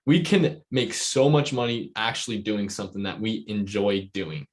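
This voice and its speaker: A man with a lowish voice hosts a casual interview podcast at a normal speed. He rambles enthusiastically and sprinkles "like" throughout his sentences.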